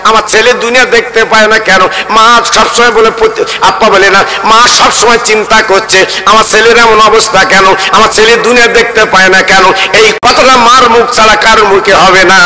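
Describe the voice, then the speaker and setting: A man preaching a sermon with storytelling, in a sing-song chant that rises into high wailing appeals. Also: fairly even intonation, moderate pace, long reverb tail, rough recording. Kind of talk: Bengali waz sermon with storytelling.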